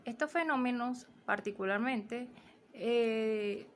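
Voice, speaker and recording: A woman's voice: fairly high pitch, slow. A woman teaching a recorded lesson, explaining steadily with fillers and restarts.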